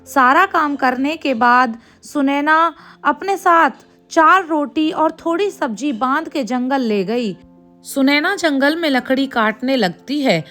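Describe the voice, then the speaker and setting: A woman narrating a moral bedtime story in a gentle, measured way. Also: high voice.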